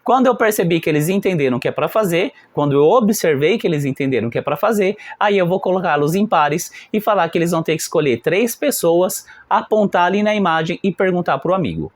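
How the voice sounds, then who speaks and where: High-voiced man teaching English to teachers. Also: lively intonation, dry recording. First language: Portuguese. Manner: models classroom dialogue, alternating slow drilled phrases and quick asides. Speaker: English teacher explaining lesson plans. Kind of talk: instructional explanation for teachers.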